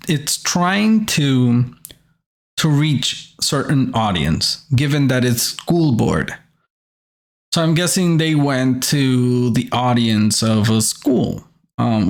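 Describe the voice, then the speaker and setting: A man gives casual commentary as a host, in a creaky voice. He talks slowly and haltingly, with a very animated pitch. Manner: halting, searching for words.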